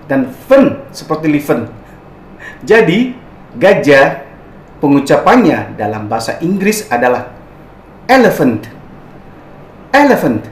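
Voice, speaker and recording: A man with an Indonesian accent teaching English pronunciation, saying each word slowly and drawn out again and again. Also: fairly high pitch, reverberant, a little hiss or hum, rough recording. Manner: slow, drawn-out repetition of words. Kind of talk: pronunciation lesson.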